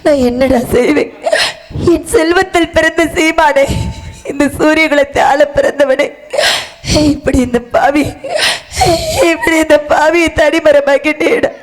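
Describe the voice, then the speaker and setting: A woman playing a grieving queen mother in a village stage drama, wailing and sobbing in drawn-out sung lament for her lost son. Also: high-pitched, steady tone. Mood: sobbing grief.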